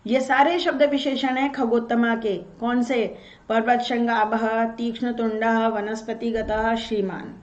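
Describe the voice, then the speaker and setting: A woman with a somewhat high voice teaches an online class, asking questions aloud and answering them herself. Her sound is a little dull and lo-fi, like a basic recording setup. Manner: explains slowly, asks and answers own questions; chants verses slowly. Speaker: Sanskrit teacher.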